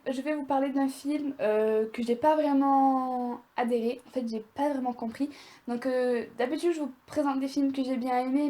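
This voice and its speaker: A woman's voice: a little high, dark tone. A young woman talking casually to viewers in a review vlog, chatty and rambling as she goes. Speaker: video creator.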